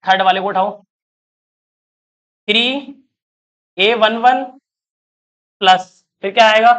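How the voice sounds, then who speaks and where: High-voiced man teaching math. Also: steady tone, slow, fairly bright tone, lo-fi sound. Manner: constantly checks if students follow, coaxing questions; talks through steps aloud, counting terms. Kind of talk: online classroom math lecture.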